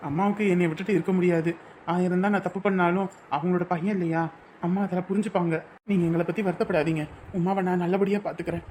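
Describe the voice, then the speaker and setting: Man acting earnest young groom, soft earnest voice, faint background noise. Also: sits high, fairly even intonation, quick pace, lightly acted. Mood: reassuring. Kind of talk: TV drama acting.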